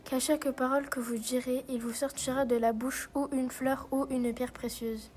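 A woman voicing a kind fairy disguised as a poor village woman, speaking gently and evenly. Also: high-pitched, level tone, moderate pace, a little hiss or hum, lightly acted. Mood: gentle.

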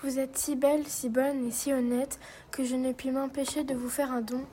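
A woman playing a gentle fairy granting a gift. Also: high voice, little pitch movement, moderate pace, slight background noise, lightly acted. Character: kind fairy disguised as a poor woman.

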